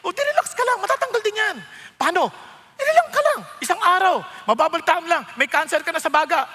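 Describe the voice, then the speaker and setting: High bright Filipino preacher in a hall. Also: male voice, quick pace. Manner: animated, playful, acts out quoted voices, mixes English phrases. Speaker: pastor. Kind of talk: sermon.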